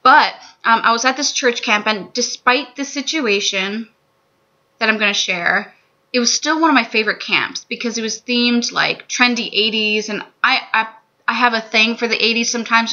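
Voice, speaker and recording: Speaking frankly to her webcam in a small room, a vlogger in her twenties tells a personal story. Her voice is a little high, bright and forceful. The sound comes from a laptop or webcam mic at desk distance and is dull and lo-fi.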